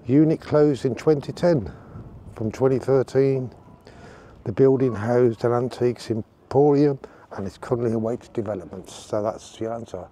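A man giving a casual outdoor walking tour, relaxed and rambling with fillers. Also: medium pitch, normal speed, slight background noise. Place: outdoors on town streets.

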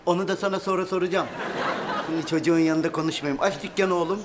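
Fast, brash, bossy brother-in-law played by a man. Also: sits high, fairly even intonation, natural voice. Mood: sarcastic ribbing. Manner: brash, rattling questions and repetitions. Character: bossy, teasing brother-in-law shopkeeper, blustery and sarcastic. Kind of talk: TV comedy drama acting. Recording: noisy location ambience.

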